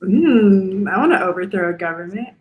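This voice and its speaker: A woman's voice: medium pitch, expressive, normal speed, narrow, tinny audio. A woman chatting in a teasing way during an online group game and reading out viewer comments. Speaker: guest in a live stream game. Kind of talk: casual chat.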